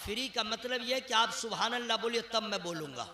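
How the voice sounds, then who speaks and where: A man preaching a sermon to a large gathering, switching between shouted, chant-like refrains and chatty, joking asides with the crowd. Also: very high voice, a little fast. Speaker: Islamic preacher. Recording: echoey PA sound.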